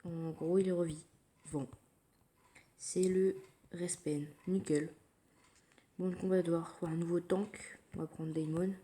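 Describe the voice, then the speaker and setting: A woman giving casual commentary while playing a mobile game, thinking aloud in a quiet, low-key way, recorded through her phone. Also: flat delivery, measured pace, pauses often. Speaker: mobile gamer narrating her play. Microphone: phone screen recording.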